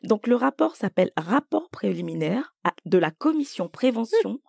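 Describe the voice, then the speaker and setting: A woman co-hosting a podcast, talking in an animated, emphatic way and thinking aloud in casual conversation. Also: on the high side, moderate pace, gravelly, slightly rough, no echo, clean studio sound. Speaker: podcast co-host.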